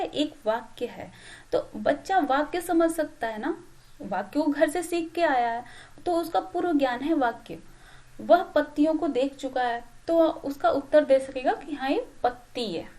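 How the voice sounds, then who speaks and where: A woman with a high voice gives a patient lesson to teacher trainees. She talks through each point step by step. She keeps checking in with her listeners and pauses on fillers as she goes. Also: a little mellow. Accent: Hindi. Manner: explains slowly with many "ठीक" check-ins and fillers. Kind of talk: classroom lecture.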